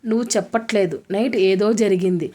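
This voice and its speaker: A woman narrator reads a suspicious, irritable young man in a spoken romance tale. He presses with sharp questions and scolds bluntly. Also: mid-range voice, a little fast, close to an everyday voice. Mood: scolding.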